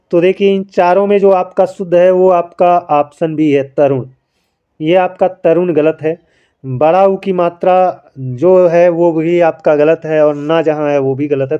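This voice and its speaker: A man teaches a spelling quiz and walks through each answer slowly, asking a question and then giving the answer himself. His voice is smooth and mellow, and a little high for a man. The recording sounds dull and lo-fi. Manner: explains patiently, keeps calling listeners friends; writes by hand while talking. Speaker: Hindi grammar teacher.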